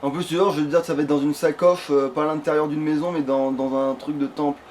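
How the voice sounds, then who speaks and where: A man's voice: a little high, little pitch movement, quick pace, a little mellow. A man giving casual, grumbling commentary as he plays a video game, swearing freely. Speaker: gamer playing in a let's play. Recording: noisy home game recording.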